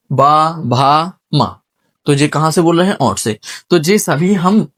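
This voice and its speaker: A man teaching a classroom lesson at a whiteboard, sounding out syllables one by one and quizzing his students. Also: a little high.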